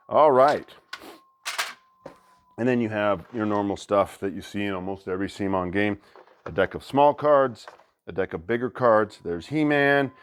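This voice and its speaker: A man hosting a board game channel, chatting excitedly as he unboxes a new game and thinks aloud. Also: lowish voice, a little hiss or hum. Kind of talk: casual unboxing commentary.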